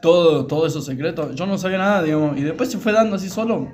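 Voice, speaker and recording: A man's voice: on the high side, fast talker, a little mellow. A young man from Argentina, co-hosting a casual podcast and defending himself while telling a story. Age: young adult. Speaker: podcast co-host. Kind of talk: casual chat.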